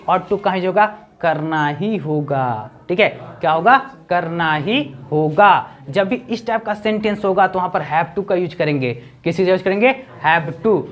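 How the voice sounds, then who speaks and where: A woman gives an explanatory grammar lesson. She keeps asking herself questions and answering them. She reads the English example sentences out slowly, word by word. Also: lowish voice. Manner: keeps asking rhetorical questions and repeating key words.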